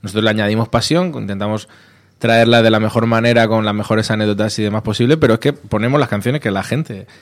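A man, a radio station manager being interviewed, telling stories in a lively way and acting out dialogue. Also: on the low side. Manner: lively, animated storyteller, quick to act out dialogue. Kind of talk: casual interview talk.

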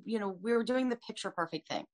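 A woman's voice: on the high side, animated, fast. A woman in her fifties, a podcast guest, earnestly telling her story of faith with frequent restarts. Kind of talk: personal testimony in an interview.

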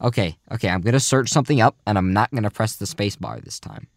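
A young man hosting a casual, goofy podcast chat, talking in a mock-serious, rambling way that often trails off quietly. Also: on the low side, lively intonation, fast talker, vocal fry, no echo, studio quality. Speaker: podcast host.

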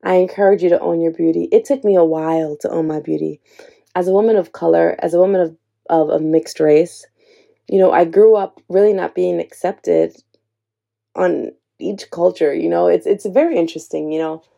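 A young woman speaks to camera in a heartfelt, personal way, sharing her own story like a host addressing the listener directly. Her voice is somewhat lower than most women's, mellow and relaxed with a gravelly edge, earnest and encouraging at normal speed.

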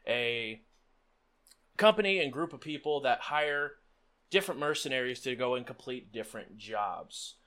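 A man's voice: medium pitch, lively intonation, moderate pace, pushed and bright. A man hosting a tabletop roleplaying game as game master, addressing players and audience.

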